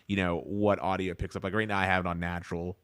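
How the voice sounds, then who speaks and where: Casual man with a low, smooth voice. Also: flat delivery, fast talker, a bit bright, dry recording, clean studio sound. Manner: loose, casual, lots of filler words. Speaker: podcast co-host. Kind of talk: casual podcast chat.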